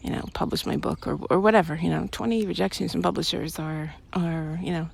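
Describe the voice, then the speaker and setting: With a low, gravelly, slightly rough voice and a brisk pace, a woman chats casually to an imagined partner on a bike path. She's an audio roleplay creator in the role of a loving girlfriend, and her one-sided talk comes out giggly and hesitant, full of trailing phrases. The recording picks up traffic, passing vehicles, and other environmental noise.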